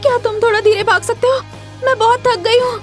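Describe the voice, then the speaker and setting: A woman's voice: very high-pitched, steady tone, brisk, faint music behind. An actress dubbing an earnest, persistent teenage schoolgirl who serves as class vice monitor. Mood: exasperated. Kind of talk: Hindi drama dub.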